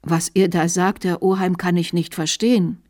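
Shy, proud young squire, hushed delivery; woman narrator reads him. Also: lowish voice, level tone, moderate pace, no echo, clean studio sound, close to an everyday voice. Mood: defiant. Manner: timid, hushed.

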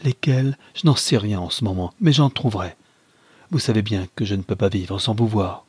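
A man's voice: lowish voice, moderate pace, a little mellow, slightly rough, no room sound. A man voicing an anguished young woman who implores her lover.

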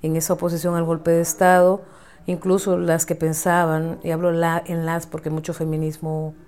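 A middle-aged woman from Honduras, an interview guest speaking thoughtfully about politics, pausing and searching for her words. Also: deep voice, little pitch movement, darkish tone. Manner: thoughtful, searching, with restarts and tag questions. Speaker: interview guest, feminist activist and writer. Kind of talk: reflective conversational interview.

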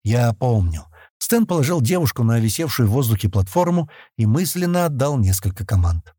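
A man narrating an audiobook in an expressive storytelling manner. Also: medium pitch, fairly quick, husky, dry recording, clean studio sound. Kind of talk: scripted narration.

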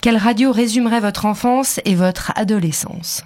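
A woman hosting a radio interview, asking questions in a measured way with occasional hesitations. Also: medium pitch, darkish tone. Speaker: radio host.

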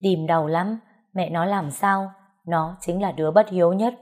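Low-voiced woman narrating a story. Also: measured pace, darkish tone.

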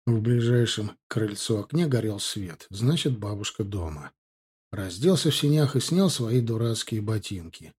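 Husky male audiobook narrator, lively. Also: lowish voice, normal speed. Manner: wry, conversational storytelling. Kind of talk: first-person novel narration.

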